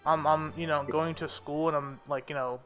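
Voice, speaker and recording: Here the same young man, American-born and India-raised, speaks a little high at a normal speed, his tone steady and slightly bright. Music plays behind his casual, blunt, slang-heavy chatter.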